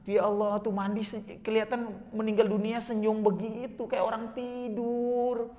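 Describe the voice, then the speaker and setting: A man's voice: high voice, little pitch movement, moderate pace, warm tone, big-room sound. A man giving a religious lecture, telling vivid stories and constantly addressing his listeners as sir. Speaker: religious teacher.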